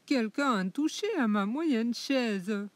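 A woman's voice: a little high, animated, slow pace, no echo, pitched above the performer's own voice. A woman voicing an irritated mother bear in a children's storybook, scolding in a raised, cross voice.

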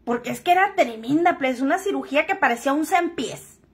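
A woman's voice: sits high, expressive, a little fast. A woman telling a personal story to camera in a frank, joking, crude-spoken way. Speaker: vlogger.

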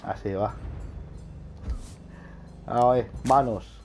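A man giving casual, excitable gameplay commentary, laughing often and swearing casually. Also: mid-range voice, drawn-out words, soft background music. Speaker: gaming youtuber.

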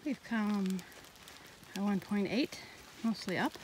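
A woman's voice: mid-range voice, takes it slowly, poor audio. A woman narrating her hike in a matter-of-fact, casual way while walking through a forest. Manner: plain, matter-of-fact trail commentary. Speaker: hiking vlogger. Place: outdoors in a rainy forest. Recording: outdoor recording with steady rain noise. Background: rain.

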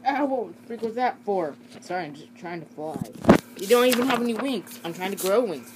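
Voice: mid-range voice, lively intonation, brisk, very noisy, natural voice. A young voice actor playing a mouthy, bickering object-show contestant in an amateur cartoon. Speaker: voice actor for many characters in a fan-made object show.

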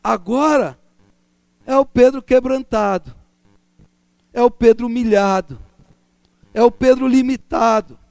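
A man preaching a sermon, impassioned and building repetitive lists that swing between raised exclamations and hushed low passages. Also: vocal fry, no room sound, clean studio sound.

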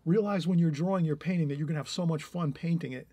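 A middle-aged art teacher gives a painting tutorial, thinking aloud as he draws, encouraging but rambling with many restarts. His voice is on the high side, mellow and husky, and he talks fast.

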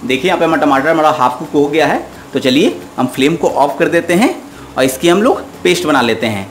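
A man hosts a cooking show from his home kitchen, standing at the stove and patiently walking viewers through a recipe step by step while speaking to them directly. His voice is a little high, with lively intonation and a brisk pace, and there's slight background noise.

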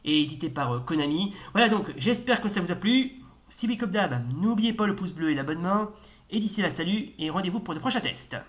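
A young man commentating a retro game as he plays, excitable and stammering, with sudden swearing outbursts. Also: high-pitched, a little fast. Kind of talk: casual let's-play commentary.

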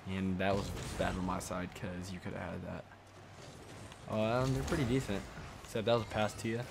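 A young man giving casual, excitable commentary while playing a game, swearing and shouting at plays. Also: sits low, brisk, creaky, noisy background. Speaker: gameplay streamer.

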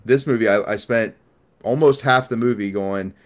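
A man's voice: fairly low pitch, moderate pace. A man co-hosting a casual movie review chat, blunt and rambling, swearing freely and answering his own rhetorical questions. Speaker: podcast co-host.

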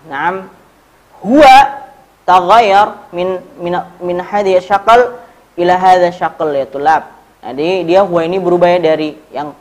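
A young man with an Indonesian accent teaching an Arabic grammar lesson, explaining step by step and quizzing his students. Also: high voice.

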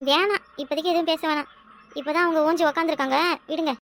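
A fretful, complaining cartoon village wife, voiced by a woman. Her voice is extremely high and fast, with a southern Tamil Kanyakumari accent. She laments and grumbles as she talks. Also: fairly even intonation, fairly bright tone, slight background noise. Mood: lamenting. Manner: complaining, lamenting, exclaims to herself. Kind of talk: cartoon voice acting.

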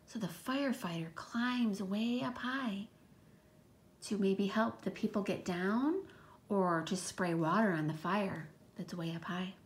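A woman teacher reads a picture book aloud to young children at storytime, speaking emphatically in a child-directed way and adding questioning, explanatory asides. Her voice is medium-pitched and a little slow.

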